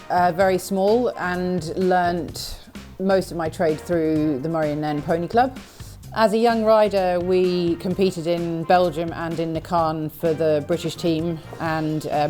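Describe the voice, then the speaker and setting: A filmed interview features a middle-aged event horse rider, a woman who grew up in Scotland, whose voice sits on the lower side. She talks calmly and thoughtfully with lots of pauses and fillers, and faint music can be heard.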